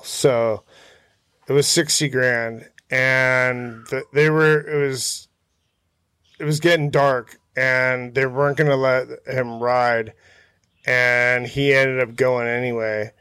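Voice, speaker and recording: A man's voice: mid-range voice, fairly even intonation, slow, a bit bright, clear, resonant tone, no echo, studio quality. A man, chatting in a laid-back, slangy, hesitant way as an interview guest. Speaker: interview guest, motorcycle hill climb rider. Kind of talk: casual chat, telling racing stories. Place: outdoors in a backyard.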